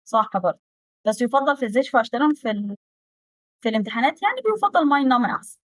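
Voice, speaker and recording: Fast-talking Egyptian woman teaching German. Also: a little high, dry recording. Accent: Egyptian Arabic. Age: 20s. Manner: lively, quick, chatty and direct, slows right down to spell out German phrases. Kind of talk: casual Egyptian Arabic lesson.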